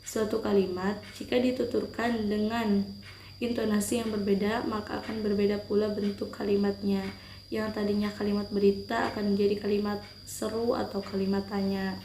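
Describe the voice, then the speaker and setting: A young woman giving a student class presentation, explaining steadily with frequent hesitant pauses. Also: medium pitch, little pitch movement, dark tone. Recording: roomy echo, faint background noise.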